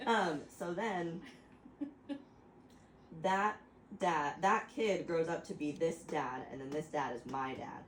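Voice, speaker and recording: A woman's voice: low-pitched, slow, long pauses, reverberant, a little hiss or hum, low-quality recording. A woman rambling through a mock lecture to her friends, stopping and restarting and laughing often. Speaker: host explaining to friends. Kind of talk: casual chat, mock lecture.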